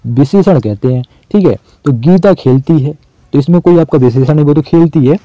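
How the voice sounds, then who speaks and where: Man, casual exam-prep teacher, chatty, repeats himself, very dark mellow voice, dry dull recording. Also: on the high side, normal speed, no echo.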